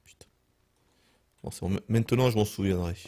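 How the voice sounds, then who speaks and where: A man's voice: lowish voice, fairly quick, mellow. A man with a French accent giving casual let's play commentary, talking to himself and swearing as he plays. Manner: talks to himself, swears often. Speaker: gaming streamer.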